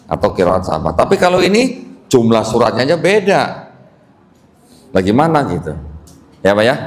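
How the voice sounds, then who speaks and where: A man preaching to a live audience as a convert preacher, quizzing listeners and coaxing answers from them. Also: mid-range voice. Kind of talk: lively question-and-answer talk.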